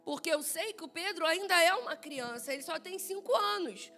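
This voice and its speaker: A woman pastor, preaching in church in a lively, playful way, acting out dialogue and laughing often. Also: very high-pitched, brisk, creaky, soft background music. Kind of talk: sermon with personal storytelling. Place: church service.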